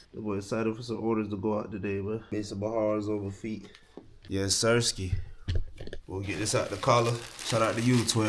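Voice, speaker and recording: A man's voice: lowish voice, noisy background. A young man from Miami vlogging casually from his home office, congested and nasal from a cold, talking in laid-back slang with motivational asides. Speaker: clothing brand co-owner. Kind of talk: casual vlog talk to camera.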